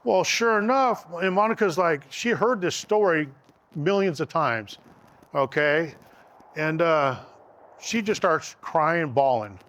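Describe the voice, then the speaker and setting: A man's voice: a little high, animated, takes it slowly, fairly bright tone. A middle-aged man casually telling his engagement story, rambling with fillers and restarts.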